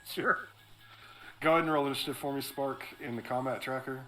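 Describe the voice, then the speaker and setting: A man's voice: mid-range voice, fairly even intonation, brisk, over loud music, rough recording. A man running a tabletop role-playing game as game master, narrating casually.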